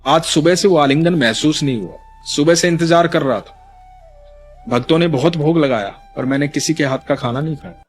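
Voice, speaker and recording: A man's voice: fairly high pitch, moderate pace, soft background music, close to an everyday voice. A man voicing the god Krishna as a young cowherd boy who coaxes and pleads tenderly in a devotional story.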